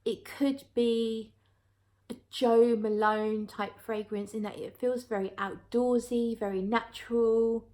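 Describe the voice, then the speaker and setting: A woman's voice: on the high side, fairly even intonation, takes it slowly, warm tone. Chatty woman reviewing casually, thinking aloud. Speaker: perfume reviewer. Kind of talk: casual review chat to viewers.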